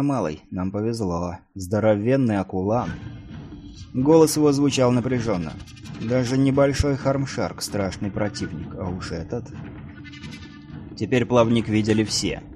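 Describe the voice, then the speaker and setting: Low-voiced man narrating an audiobook. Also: darkish tone. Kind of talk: scripted narration.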